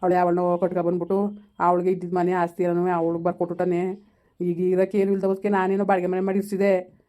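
A woman's voice: lowish voice, dark tone, close to an everyday voice. A woman in an amateur village skit, voicing a worried village man who pleads earnestly about a relative's death. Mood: troubled.

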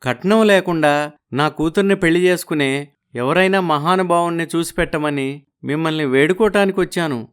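A man's voice: fairly high pitch, normal speed, clean tone, lightly acted. A man voicing a poor, worried village father who speaks humbly and pleads respectfully. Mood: pleading. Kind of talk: audio story acting.

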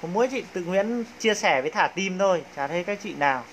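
A man's voice: high-pitched, lively intonation, fast, fairly bright tone, low-quality recording. A man with a Northern Vietnamese accent hosts a live clothing sale. He talks like a practised salesman, hyping the goods and coaxing viewers along. There is faint background noise on the phone livestream.

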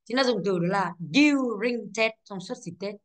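Speaking at a normal pace in a mid-range voice, this woman teaches English by reviewing exercises answer by answer. Her English words carry a Vietnamese accent, and she moves through each step before asking the class "đúng không ạ".

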